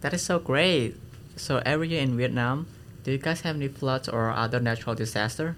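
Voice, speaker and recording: A woman's voice: very deep voice, brisk, slight background noise. A woman from Cambodia with a Cambodian accent, asking brief, encouraging questions in a student discussion. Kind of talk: student discussion role-play.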